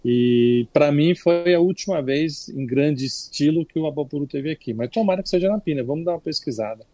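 A man's voice: on the high side, fairly quick, no echo. An older Brazilian man, a culture critic, talking casually on a radio segment with frequent restarts. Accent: Brazilian Portuguese. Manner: relaxed, chatty with frequent restarts.

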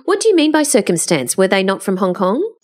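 A woman hosting a podcast, reading a scripted introduction, then asking questions with an emphatic, lively manner. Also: mid-range voice, a little fast. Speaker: podcast host.

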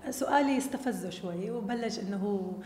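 A woman's voice: medium pitch, quick pace, dark tone. A young woman with a Jordanian Arabic accent chatting casually as an interview guest, mixing English words into her speech. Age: young adult. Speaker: interview guest, basketball player. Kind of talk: casual conversational storytelling. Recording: echoey room, long reverb, faint background noise.

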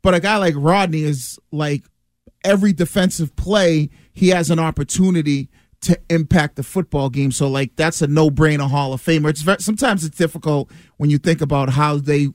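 A man's voice: on the high side, normal speed, dry recording, clean studio sound. An American man, a former player, talking sports casually as a radio panelist, reasoning aloud and often repeating himself.

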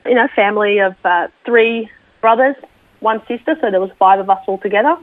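An Australian woman, a military veteran, sharing her story slowly and reflectively as an interview guest, with many small fillers. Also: medium pitch, no echo. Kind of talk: personal testimony interview. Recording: tinny phone line, dry.

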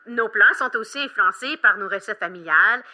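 Very bright, patient woman explaining to kids. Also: medium pitch, animated, fairly quick. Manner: patient, explanatory, hesitant fillers while searching. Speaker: children's show expert guest. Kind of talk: friendly explaining to children.

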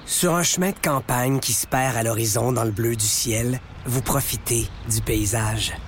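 A man reading a scripted radio commercial in a smooth, polished delivery. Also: mid-range voice, normal speed, background noise. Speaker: commercial announcer.

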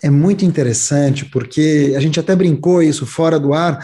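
A man's voice: fairly high pitch, moderate pace, dark tone. A man hosting a podcast, speaking in a polished, upbeat, motivational way. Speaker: podcast host. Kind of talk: podcast intro and interview.

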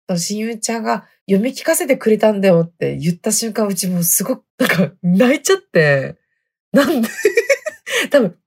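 Husky-voiced chatty woman podcast host. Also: on the low side, a little mellow. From Hokkaido. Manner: chatty, laughs often, dialect sentence endings. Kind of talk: casual storytelling chat.

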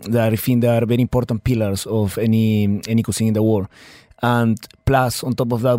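Man, Peruvian Spanish accent, chef guest, cheerful, halting phrasing, dry studio mic. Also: medium pitch, no echo. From Peru. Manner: warm, cheerful, laughs easily, halting phrasing. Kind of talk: radio interview. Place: radio studio. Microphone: studio microphone.

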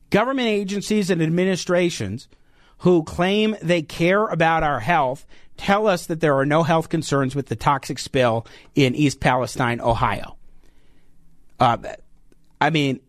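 An American man with a slightly high voice delivers an opinionated talk radio monologue. He is emphatic but halting, breaking off to correct himself. The sound is dry and close, as from a studio microphone. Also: no room sound. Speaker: radio talk show host.

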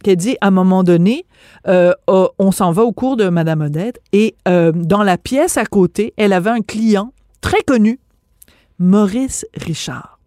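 A woman's voice: mid-range voice, unhurried, dark tone, no echo, clean studio sound. A woman with a Québécois accent, hosting a radio interview in a chatty, friendly way. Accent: Québécois French. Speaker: radio host.

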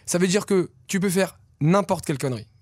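Young male comic from France, quick jokey storyteller, bright-ish pitch, dry studio sound. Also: dry recording. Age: young adult. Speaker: stand-up comedian guest. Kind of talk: casual interview chat.

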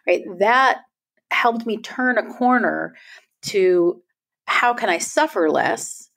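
A woman's voice: medium pitch, expressive, slow, gravelly, fairly bright tone. A middle-aged woman, a guest author, speaking earnestly in a podcast conversation, often checking in with "right?". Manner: earnest, emphatic, frequent "right?" tags.

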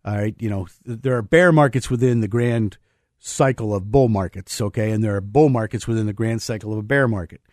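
A man's voice: on the low side, fairly quick, a little mellow, no echo, clean studio sound. A man hosting a financial talk radio show, rambling through market views with many fillers and restarts. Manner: explains market terms plainly.

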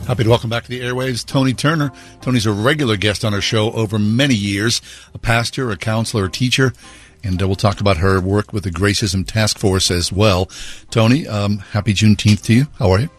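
A man's voice: lowish voice, a little fast, faint music behind. A man hosting a radio show, reading sponsor copy and chatting with guests. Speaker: radio host. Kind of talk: radio ad read and host chat.

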